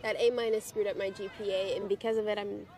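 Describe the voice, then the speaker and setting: A woman's voice: mid-range voice, level tone, warm tone, a faint crowd, natural voice. An actress playing a driven, blunt young female student, out of breath from jogging in a film. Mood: breathless. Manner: quick, blunt, exasperated questioning. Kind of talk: film dialogue. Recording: outdoor noise audible.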